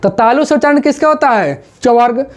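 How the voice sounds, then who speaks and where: Grammar teacher, female, high voice, slow drilled pronunciation for exam prep. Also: expressive, a little mellow, faint music behind. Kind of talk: exam-prep classroom lesson. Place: classroom with a board.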